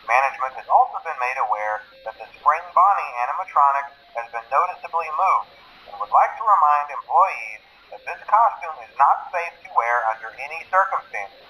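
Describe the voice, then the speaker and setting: Speaking at a medium pitch, a male actor plays a video game's nervous, cheerful pizzeria phone trainer, an awkward, polite caller recording a workplace training message. He opens with hesitant greetings, then gives procedures in a polite deadpan. The telephone-filtered audio sounds muffled and lo-fi, with faint noise.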